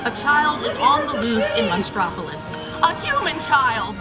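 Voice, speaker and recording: A news anchor who breaks into the program with a bulletin, her urgent announcer voice swinging widely in pitch. It comes through distant ride speakers with loud music underneath. The delivery is slightly high and insistent. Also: very animated, unhurried. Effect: interrupting news bulletin played over ride speakers.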